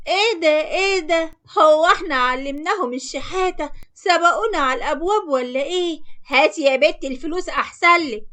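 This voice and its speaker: A woman's voice: high-pitched, a little fast. A woman with an Egyptian accent voicing a harsh, greedy, scolding mother in a cartoon story. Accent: Egyptian Arabic. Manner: scolding, sharp-tongued.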